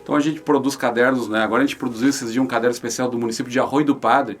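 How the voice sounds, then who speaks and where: A man from southern Brazil speaks with a Rio Grande do Sul accent at a medium pitch. He answers in a conversational interview style, restarting phrases and repeating words, and often checks for agreement with short tags. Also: fairly even intonation, racing, soft background music. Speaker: interview guest, regional newspaper representative.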